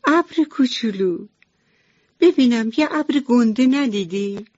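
A woman voicing a timid, whiny little mouse child on a radio bedtime story, in a high childlike pleading voice. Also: expressive, a little mellow, no echo. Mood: calling. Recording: slightly dull radio recording.

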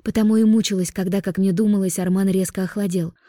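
Woman doing a shrill, tearful young fairy. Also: fairly even intonation, fast talker, dark tone, no room sound, clean studio sound, lightly acted. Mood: distraught.

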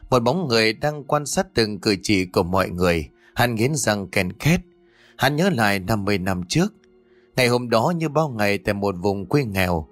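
A man's voice: mid-range voice, no room sound. Male ghost story narrator. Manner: steady storytelling. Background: faint music.

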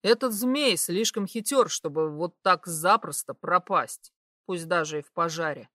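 A woman voicing a gruff, commanding young nobleman who speaks curtly and coldly. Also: lowish voice, unhurried, sharp tone, no echo, studio quality, pitched below the performer's own voice. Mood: stern. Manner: curt, cold, bossy.

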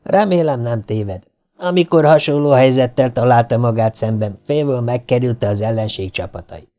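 A man reading the lines of a grim, worried male military officer in an audiobook, in a quiet, sober delivery. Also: medium pitch, natural voice.

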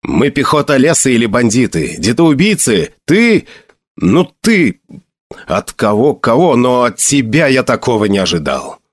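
A man's voice: mid-range voice, very animated, unhurried, dry recording. A man voicing an outraged young officer. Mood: indignant. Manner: outraged, reproachful. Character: indignant young male infantry officer.

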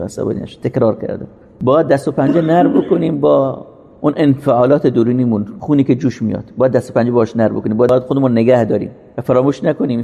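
This earnest religious lecture, delivered sermon-style, comes from a man who keeps asking and answering his own rhetorical questions. He speaks at medium pitch with vocal fry, a dark tone, and a breathy edge. Long hall reverb colors the sound.

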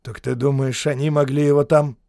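A man voicing a harried army captain who shouts and swears impatiently. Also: medium pitch, level tone, fairly quick, creaky, dry recording, studio quality, close to an everyday voice.

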